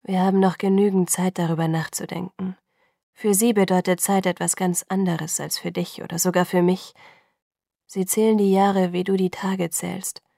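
A woman voicing a calm, protective young vampire man in an audiobook, speaking softly and slowly in a low, measured way. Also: gravelly, dry recording, studio quality. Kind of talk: audiobook reading.

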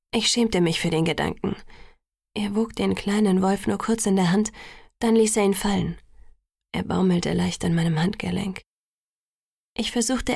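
A woman narrates a first-person novel in a soft, intimate audiobook reading. Her voice is husky, with a gravelly creak at phrase ends. The sound is close and dry, with no room around it. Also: medium pitch, dry recording. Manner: soft, intimate, sometimes whispered.

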